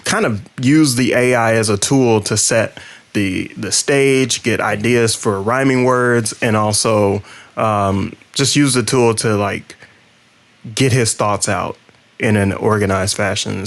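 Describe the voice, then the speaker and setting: A man's voice: on the low side, measured pace. A man co-hosting a podcast, introducing the episode in loose, rambling explanations. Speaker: podcast co-host. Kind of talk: casual podcast chat.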